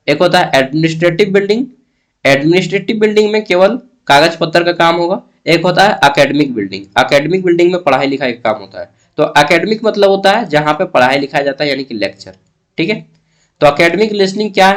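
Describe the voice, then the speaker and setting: Young male teacher, exam-prep lecture, somewhat high voice, patient step-by-step explaining. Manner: explains slowly with Hindi-English mixing and frequent "theek hai".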